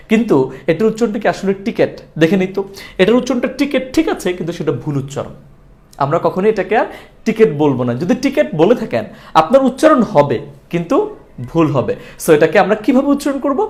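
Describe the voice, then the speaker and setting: A man's voice: sits high, a little mellow. A man teaching English pronunciation in a video lesson, asking and answering his own questions and drilling words by repetition. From Bangladesh. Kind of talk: lively video lesson in Bengali.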